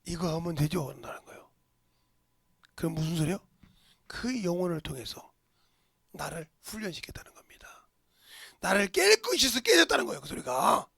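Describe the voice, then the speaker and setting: A man preaching a sermon as pastor, swinging from shouts to hushed whispers and pressing the congregation with rhetorical questions. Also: high voice, creaky, breathy edge, dry recording, clean studio sound.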